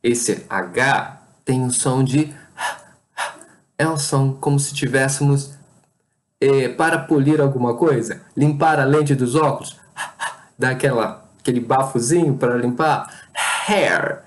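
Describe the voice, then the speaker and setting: Speaking a little slowly in a mid-range voice, an English teacher with a Brazilian Portuguese accent runs a pronunciation lesson, patiently saying each word again and exaggerating its sounds.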